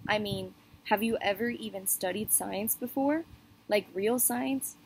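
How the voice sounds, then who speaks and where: A woman's voice: medium pitch, measured pace, slight background noise, close to an everyday voice, low-quality recording. A woman voicing a sarcastic ten-year-old schoolboy who asks blunt, sneering questions. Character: snide, sarcastic boy classmate, about ten.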